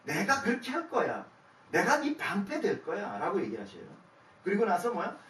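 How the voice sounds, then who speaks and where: A man's voice: sits high, normal speed. A man preaching a casual sermon who acts out the voices in the story, chuckles and asks his listeners questions. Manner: lively, acts out God's and Abraham's lines in conversation. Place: church worship room. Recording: echoey church hall, mic at a distance.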